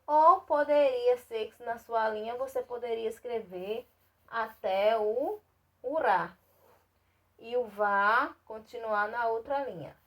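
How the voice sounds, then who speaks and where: Brazilian lady teacher, kinda high voice, slow and patient, sounds out syllables for little kids. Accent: Brazilian Portuguese. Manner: patient, repeats and checks in with "tá certo?"; spells out syllables slowly and clearly. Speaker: primary school teacher. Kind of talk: recorded remote lesson for young children.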